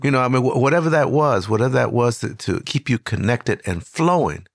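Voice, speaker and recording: An older man hosting an interview, telling stories in a lively, conversational way with frequent restarts. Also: medium pitch, fairly quick, creaky, no room sound, studio quality. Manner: warm storyteller, animated with many restarts. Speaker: host.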